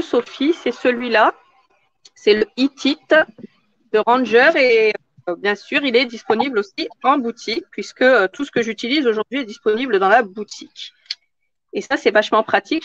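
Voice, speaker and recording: A woman's voice: fairly high pitch, normal speed, no room sound, muffled recording. A woman hosting a live craft tutorial in casual chat, answering viewer comments as she works.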